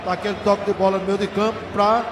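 A man with a Brazilian accent doing colloquial, excitable football narration on radio, full of stock catchphrases. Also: high-pitched, fast. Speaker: play-by-play football commentator. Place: open stadium press stand. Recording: noisy, echoey live stadium recording. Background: stadium crowd ambience.

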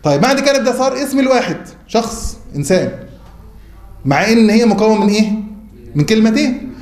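A man's voice: sits high, expressive, fast, darkish tone. A man with an Egyptian accent teaching a class, who keeps asking the students questions and then answering them himself. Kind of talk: classroom lecture. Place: classroom or mosque hall. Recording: roomy hall with faint noise.

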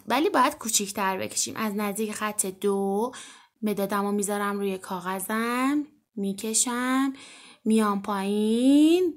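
A woman teaching an alphabet lesson to children, gently and encouragingly, stretching out example words slowly and clearly. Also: mid-range voice. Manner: slow, drawn-out, clearly enunciated example words.

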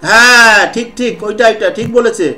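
High-voiced male teacher, patient pauses. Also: little pitch movement. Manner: explains step by step with frequent pauses and filler sounds. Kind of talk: online class lecture. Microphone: computer microphone on a video call.

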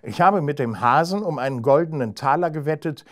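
A man doing a calm, crafty storybook hedgehog. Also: a little high, a little fast, voice pushed up, close to an everyday voice. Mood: scheming. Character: clever, stubborn male hedgehog.

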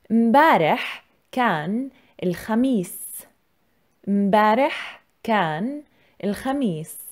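A woman giving scripted instructional narration as a language teacher, speaking deliberately and repeating words for learners. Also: medium pitch. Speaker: language teacher, lesson presenter.

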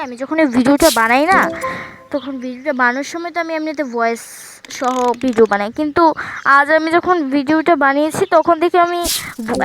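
A woman doing chatty voice-over commentary on a game, talking quietly into an earphone mic at home so she won't wake anyone. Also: high-pitched, noisy background. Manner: talks quietly so as not to wake her sleeping parents; chatty, keeps addressing viewers. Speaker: gaming channel host. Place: room at home at night. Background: game music.

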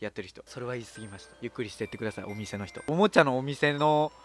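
A woman's voice: very deep voice, racing. A woman with a Kansai accent giving casual horror game commentary as a streamer, full of blunt, mouthy asides. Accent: Kansai Japanese. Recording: music behind the voice.

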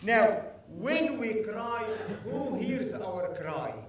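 A man preaching a sermon as guest speaker, emphatic and animated, drawing the congregation into call-and-response. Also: high voice, very slow. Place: church sanctuary. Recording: echoey church hall, mic at a distance.

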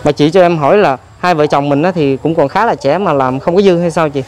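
Gentle Southern Vietnamese male vlog host. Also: on the high side, fairly quick, a little hiss or hum. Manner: gentle, prompts with frequent soft acknowledgements. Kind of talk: interviewing.

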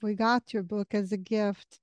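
Sitting close to a podcast microphone on a boom arm in her bookshelf-lined home study, a middle-aged Brazilian woman from the south hosts a conversational interview via video call. Portuguese is her first language, and she has a Brazilian accent. Her medium-pitched, slightly mellow voice stays level at a measured pace; the audio is dull with no echo.

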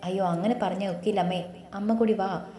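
A woman voicing a gentle, caring young daughter-in-law who talks softly. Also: mid-range voice, steady tone, moderate pace, roomy sound, soft background music, lightly acted.

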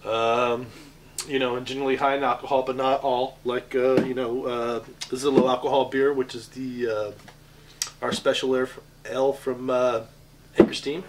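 Brief: middle-aged man, bar owner, keen and jokey, mid-pitched voice, camcorder mic in a basement with noisy audio. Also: level tone, normal speed. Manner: enthusiastic, laughs often. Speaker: beer bar owner giving a cellar tour. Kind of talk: casual chat. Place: indoors, small basement beer cellar. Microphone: on-camera mic of a handheld camcorder.

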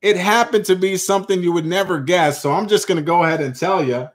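A man's voice: high-pitched, fast. A man hosting a live online coin auction, chatting with viewers and calling bids with playful sports-style commentary. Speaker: auction host.

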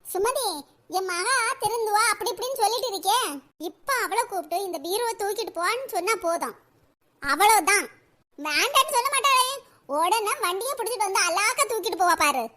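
A meddling village auntie from a comedy cartoon, her pitch sitting at a squeaky extreme. She speaks in a Kanyakumari Tamil accent and stirs trouble with mock sympathy. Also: lively intonation, a little fast, pushed and bright, exaggerated voice. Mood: scheming. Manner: nosy, scheming, mock-sympathetic.

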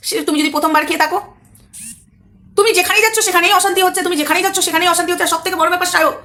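A woman's voice: very high voice, steady tone, rapid-fire, bright, forceful tone. A woman vlogger giving an indignant, repetitive, lecturing commentary to her viewers. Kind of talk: emotional commentary vlog.

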